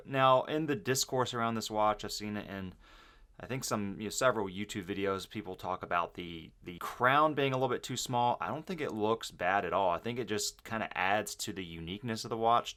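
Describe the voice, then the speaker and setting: A man's voice: on the low side, sharp tone. A man casually unboxing and reviewing a watch, chatty and enthusiastic, thinking aloud with fillers.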